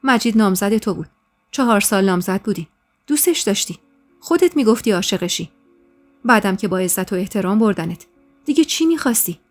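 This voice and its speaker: A woman's voice: medium pitch, lively intonation, close to an everyday voice. A woman voicing a cold, reproachful middle-aged mother in a storybook podcast, over faint background music. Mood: scornful.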